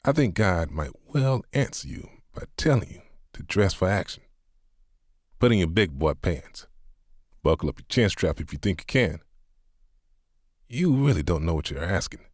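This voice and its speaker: This is a seasoned pastor, patient and compassionate, who steers a hurting friend with firm words and wry, teasing questions, voiced by a man. His voice sits a touch higher than the narrator's and is recorded close and dry. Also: sing-song, moderate pace, pauses often, no echo. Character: patient older male pastor, gently sarcastic.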